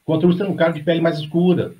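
A man's voice: fairly high pitch, steady tone, fast. A middle-aged Brazilian man, a novelist, talking on a video call in a rambling way, full of restarts and tag questions. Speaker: guest novelist. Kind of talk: casual discussion on video call. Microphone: webcam on video call. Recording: slightly dull lo-fi sound.

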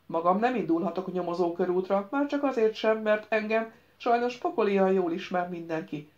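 A woman reading an audiobook, voicing a stout, mustached male official who speaks in a calm, lecturing, firm way. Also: mid-range voice, highs cut off, natural voice.

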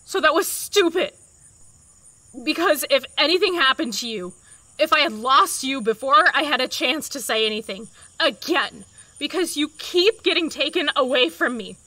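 A woman's voice: sits high, expressive, moderate pace, pushed and bright, no echo, poor audio. A woman voicing a fierce, blunt companion in an audio drama, swearing and teasing, scared of losing a partner. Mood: pleading. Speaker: voice actor.

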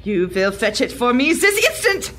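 In an audio drama, an actress plays an imperious female Nazi agent who is coldly scornful, stern and accusing. She speaks in a haughty, commanding way with formal phrasing, her voice fairly high, fairly bright and very animated at a moderate pace.

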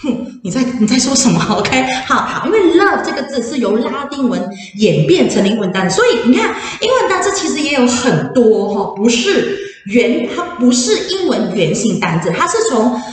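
Brief: female English teacher, animated presenter quizzing the room, off-mic in a boomy classroom. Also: moderate pace, few pauses. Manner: switches between Mandarin and English, quizzes the audience. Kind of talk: info session talk to parents and children. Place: classroom with an audience. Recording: echoey room, distant mic.

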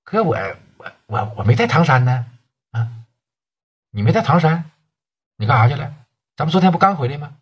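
A man's voice: on the high side, very animated, brisk, pauses often, breathy edge, highs cut off. A man voicing a nervous, evasive businessman who stammers and pleads.

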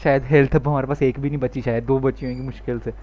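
A man streaming a co-op game with friends, giving orders and shouting high when he panics. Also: flat delivery, quick pace, muffled recording. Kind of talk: excited co-op gameplay chatter.

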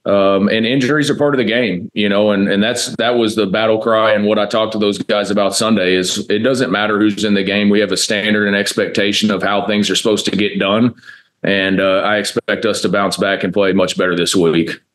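A college football offensive coordinator, an American man in his 30s, answers press-conference questions in a low, very flat, measured, matter-of-fact voice. He sits at a table before a backdrop in an indoor press room.

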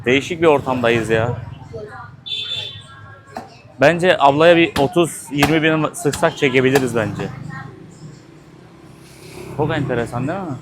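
A man's voice: mid-range voice, measured pace, pauses often. A man filming a travel vlog on a busy street, talking straight to his viewers with shocked exclamations and swearing. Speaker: travel vlogger. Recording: faint street noise behind.

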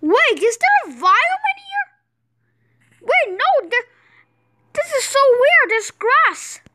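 A woman narrates her gameplay in an excitable, exclamatory way, often breaking off and restarting her sentences. Her voice sits very high and bright. Her pitch swings widely, though her pace stays slow. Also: slight background noise. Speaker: gameplay channel host.

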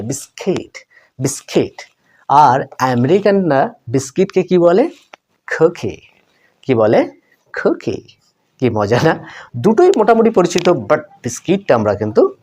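A man's voice: mid-range voice, darkish tone. A man teaching English vocabulary to viewers in a chatty way, repeating each word and asking the audience questions.

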